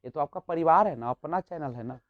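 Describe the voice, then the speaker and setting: A man's voice: fairly high pitch, fairly quick, no echo. A man teaching an exam-prep lesson, explaining step by step and posing rhetorical questions to his students. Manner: explanatory, rhetorical questions, frequent tag "nahin". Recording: dull lo-fi, dry.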